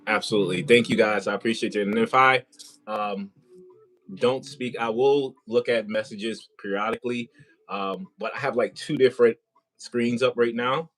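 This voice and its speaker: A man's voice: medium pitch, steady tone, moderate pace, fairly bright tone, low-quality recording. A man hosting a casual live interview, chatty and rambling with many fillers. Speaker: host. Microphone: compact wireless mic.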